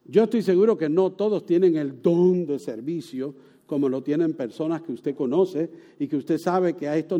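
A man preaching a sermon, telling a story with animated, sometimes loud exclamations and soft, hushed moments. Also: a little high. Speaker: pastor.

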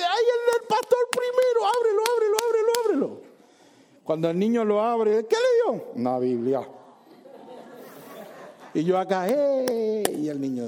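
A man preaching a sermon as pastor in a church, lively, asking the congregation questions and acting out little scenes. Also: a little high.

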